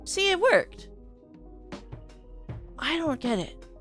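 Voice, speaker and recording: A woman's voice: high voice, big pitch swings, slow pace, music in the background. A young woman streaming casual chat, giggly and rambling, with frequent restarts.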